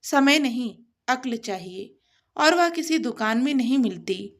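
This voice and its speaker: A woman plays a hardworking young wife in a storybook tale. She speaks earnestly and slowly, her voice fairly high. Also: expressive. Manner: earnest, restrained.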